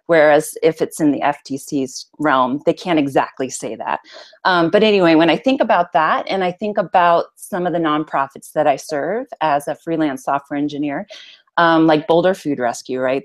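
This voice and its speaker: A woman from Indonesia and Saudi Arabia, a freelance software engineer, speaking off the cuff on a panel with many "um" fillers. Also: deep voice.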